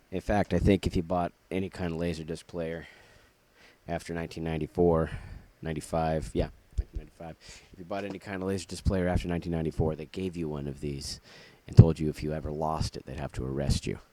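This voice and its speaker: A man's voice: low voice, mellow, a little hiss or hum. A man casually showing off his laserdisc collection, jokey and rambling, with puns and asides. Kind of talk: casual show-and-tell vlog.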